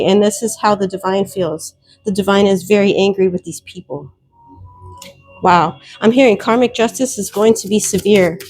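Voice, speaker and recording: A woman's voice: medium pitch, darkish tone. A woman giving a solo tarot reading, speaking emphatically, repeating her warnings and addressing viewers directly. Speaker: tarot reader.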